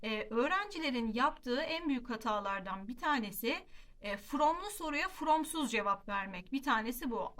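A woman teaching a classroom lesson, explaining patiently and slowing down to model example phrases, often asking rhetorical questions. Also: high voice, pushed and bright. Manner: slow emphatic modeling of English example phrases. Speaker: English teacher.

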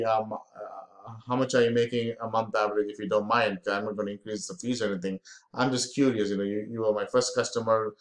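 Guy from india in his 40s doing a screen share lesson, kinda low voice, lots of um and uh. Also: reverberant. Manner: casual, filler-heavy, repeats himself. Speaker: online marketing instructor. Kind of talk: screen-share tutorial talk.

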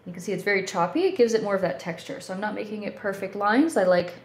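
Relaxed woman teaching a painting class. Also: medium pitch, fast talker. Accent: Canadian. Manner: relaxed, thinking aloud while working. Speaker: painting instructor. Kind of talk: step-by-step painting tutorial. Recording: roomy studio with faint background hum.

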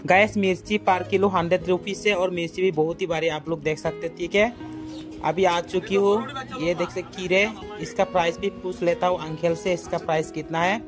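Young man, vlogger, high pitch, chatty, outdoor market, phone mic, background music. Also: steady tone, a little fast. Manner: chatty, addresses viewers as guys, asks prices. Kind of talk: casual market vlog narration.

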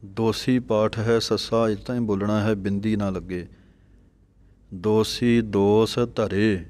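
A young man teaching careful scripture pronunciation, reciting lines slowly word by word and explaining pauses. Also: on the low side, fairly even intonation, a little mellow. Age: young adult. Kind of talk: pronunciation lesson with slow recitation.

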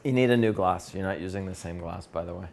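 Speaking quickly in a low, creaky voice over a noisy background, this beer educator from Canada is a man in his fifties. He enthusiastically runs a tasting seminar in a brewery room, recorded by a camera from the far side. His manner is chatty and eager, and he gestures while he speaks.

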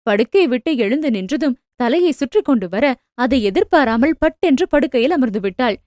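A woman narrating a family novel as an audio book, telling the story in a steady, even way. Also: high-pitched, moderate pace, dry recording, clean studio sound.

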